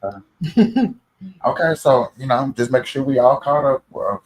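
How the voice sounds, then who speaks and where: A man's voice: mid-range voice, expressive, a little slow, low-quality recording. A man hosting a live stream, reacting to a video in casual, slangy chat, joking and laughing often.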